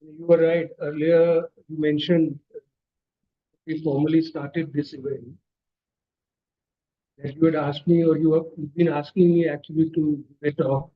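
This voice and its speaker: A man giving a measured seminar talk over a video call whose audio keeps glitching and breaking up. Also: on the high side, flat delivery, muffled recording. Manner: measured, with polite thanks and restarts. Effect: glitching, breaking-up online call audio. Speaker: seminar speaker.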